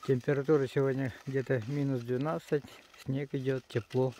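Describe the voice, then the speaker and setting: A man's voice: medium pitch, flat delivery, moderate pace, dark tone. A man narrating casually outdoors on a snowy sledding hill, like a father filming his children. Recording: noisy outdoor home video.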